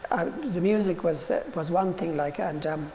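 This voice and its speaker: A man reminiscing informally in an interview, halting and repeating his words. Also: fairly high pitch, darkish tone. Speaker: musician interviewee. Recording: noisy, reverberant room.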